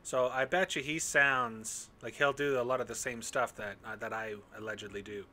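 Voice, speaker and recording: A man's voice: medium pitch, fairly even intonation, normal speed, bright, forceful tone. A man, chatting casually on a podcast with a self-mocking, restart-heavy manner. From Canada. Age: 30s. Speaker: podcast guest. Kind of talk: casual chat.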